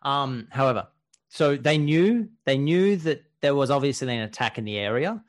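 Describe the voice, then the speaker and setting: A man co-hosting a podcast, telling a war story in casual chat, animated and laughing often, with casual swearing. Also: mid-range voice, moderate pace. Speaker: podcast co-host telling history stories.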